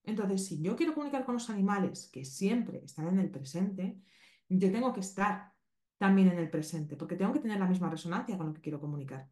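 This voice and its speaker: A woman from Spain with a Spanish accent explains a podcast lesson, pausing to check in with her listeners. Her voice sits at a middle pitch, and a roomy echo hangs around it. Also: expressive, darkish tone. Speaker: animal communication teacher.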